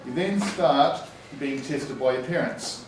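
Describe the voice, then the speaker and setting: A man teaching in a classroom manner, giving slow school dictation and spelling words out letter by letter. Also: mid-range voice. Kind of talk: classroom explanation with spelling aloud, informal. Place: echoey indoor room. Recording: echoey room, distant mic, background noise.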